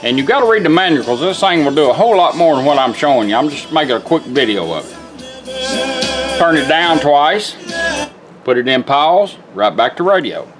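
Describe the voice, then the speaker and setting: Very animated and brisk, this fairly high-pitched man demonstrates a product as a radio restorer, keeping things hands-on, folksy, and plain-spoken. Music from a radio can be heard behind him.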